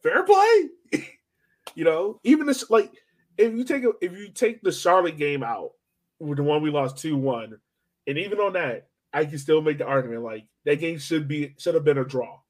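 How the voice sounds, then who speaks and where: With a slightly high voice and lively intonation, this young adult podcast host talks sports at a moderate pace. His style is chatty, slangy, and relaxed.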